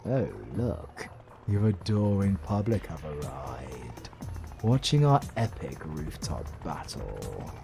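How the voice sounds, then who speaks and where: In a romantic comedy audio drama, a man voices a British comic-book supervillain with a gravelly, wildly animated delivery, heavily acted and slow over music. He comes across as smug, theatrical and menacing, though he's quick to get exasperated and is secretly in love with his heroine rival.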